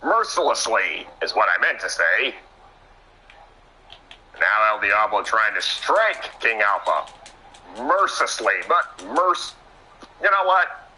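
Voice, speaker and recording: Male play-by-play wrestling caller, unhurried, bright and cutting tone, self-mocking when he fumbles words. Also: lowish voice, a little hiss or hum, rough recording. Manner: excitable, trips over words and laughs at himself. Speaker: wrestling commentator.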